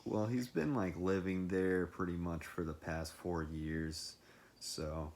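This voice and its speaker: A man's voice: low voice, steady tone, slow, darkish tone, a little hiss or hum. A young man in his twenties from Massachusetts, chatting easygoingly on a phone call, hesitant with lots of fillers. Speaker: call partner. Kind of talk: casual phone chat.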